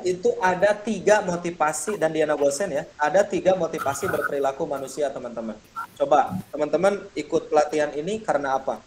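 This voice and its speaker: Man, teacher, webinar presenter, lively, addresses the audience, a bit high-pitched. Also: roomy sound. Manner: lively, addresses listeners directly, acts out sample teacher lines. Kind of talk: online teacher training talk.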